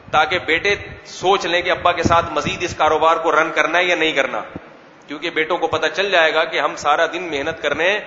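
A man's voice: on the high side, sharp tone, a little hiss or hum. A man, an Islamic scholar, giving a weekly religious lecture in a conversational way, asking questions and answering them himself. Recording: echoey hall, slightly dull sound.

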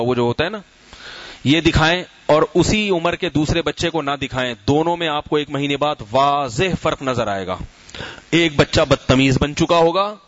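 A man's voice: mid-range voice, no echo. A middle-aged man giving a conversational religious talk as a scholar and teacher, explaining with homely examples and asking his listeners questions. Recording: slightly muffled, dry lo-fi recording.

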